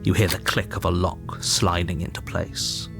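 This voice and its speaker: An actor playing a stern, disapproving narrator in a video game, telling the story in a deliberate, ominous, dramatic way. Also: male voice, low voice, steady tone, vocal fry, a bit bright. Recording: music behind the narration.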